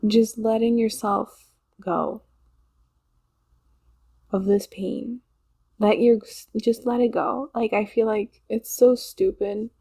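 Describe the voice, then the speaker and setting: A woman's voice: a little high, fairly even intonation, slow pace, pauses often, mellow, breathy edge. A woman giving a casual channeled tarot reading, chatty and rambling, laughing often and repeating herself. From Poland. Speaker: tarot reader.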